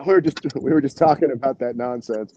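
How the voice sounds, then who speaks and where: With a warm, mid-range voice and a slightly fast pace, an American band musician chats as a guest, rambling informally and leaning on "you know" and "man." The audio is dry and lo-fi.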